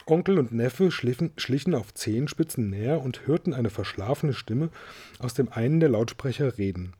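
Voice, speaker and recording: A man reading a storybook aloud in a steady, even-toned storytelling manner. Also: medium pitch, moderate pace, slightly rough. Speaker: audiobook reader.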